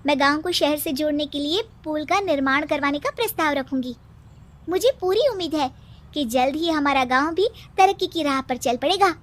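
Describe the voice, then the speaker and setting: A woman's voice: high-pitched, moderate pace, voice pushed up, lightly acted. A woman playing an earnest, determined young village student in a cartoon story. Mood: hopeful, determined.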